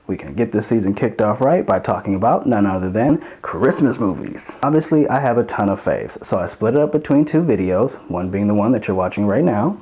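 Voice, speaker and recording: Mellow lo-fi male host, playful. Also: on the low side. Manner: playful, chatty, swears casually. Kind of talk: casual movie commentary.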